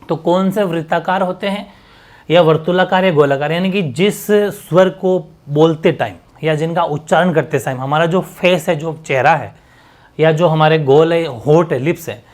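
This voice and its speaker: A man teaching an exam-prep lesson, drawing out sounds slowly to show them and repeating each term several times. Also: on the high side. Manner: stretches sounds slowly to demonstrate, repeats terms.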